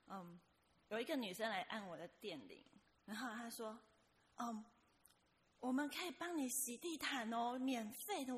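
A woman with a mid-range voice shares a testimony at church, telling it in a casual, lively way and acting out the voices of the people in her story.

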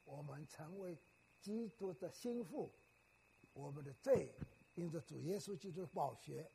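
Gravelly, husky older man preaching a sermon. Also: high-pitched, darkish tone. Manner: teacherly, asks the congregation rhetorical questions.

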